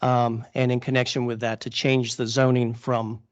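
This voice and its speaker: Halting man with a tired voice. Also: mid-range voice, flat delivery, dry recording, muffled recording. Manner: halting, many fillers and restarts. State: losing his voice. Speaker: attorney for a land applicant. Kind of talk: formal presentation at a public meeting. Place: council chamber.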